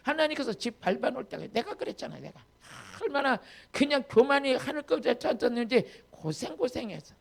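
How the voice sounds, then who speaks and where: A woman's voice: sits high, sing-song, a little fast, creaky, slightly rough. A middle-aged woman pastor preaching a revival healing sermon in a blunt, folksy way, acting out talks with her congregants and with God.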